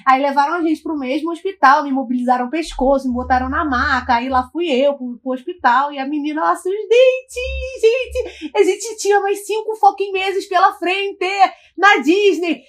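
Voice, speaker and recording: A Brazilian woman with a Brazilian Portuguese accent telling a personal story in casual chat, animated and dramatic, swearing freely. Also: high voice, moderate pace.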